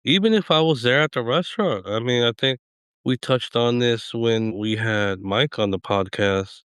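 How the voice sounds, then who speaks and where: A man's voice: medium pitch, moderate pace, a bit bright, clear, resonant tone, dry recording, clean studio sound. A middle-aged man hosting a podcast, chatting in a laid-back, rambling way and chuckling often. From Eastern Washington. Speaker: podcast host. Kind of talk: casual chat.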